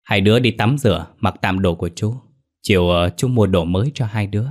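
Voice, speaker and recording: A kind young man who speaks calmly and reassures the others, read by the narrator. His voice sits lowish. It plays like an audio story. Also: a little fast, close to an everyday voice. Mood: reassuring. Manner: calm, reassuring.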